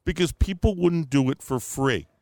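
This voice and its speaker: A man's voice: fairly high pitch, normal speed, warm tone, no room sound, clean studio sound. A man co-hosting a casual talk podcast, speaking emphatically and swearing casually. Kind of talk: casual political and media chat.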